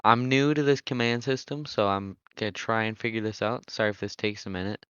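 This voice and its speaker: A young man who is a race commentator and server admin calls an online motocross race live, casually and chattily, thinking aloud and laughing now and then. His slightly low voice is smooth and clear and fairly quick. The recording is dry, a bit dull, and lo-fi, like a close mic with no room sound.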